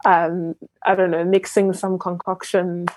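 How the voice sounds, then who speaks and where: A woman's voice: fairly low pitch, level tone, a little slow, darkish tone, dry recording. A young adult woman from Ghana, a business founder, talking reflectively in an interview with many fillers and restarts. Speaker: entrepreneur guest. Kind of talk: interview conversation.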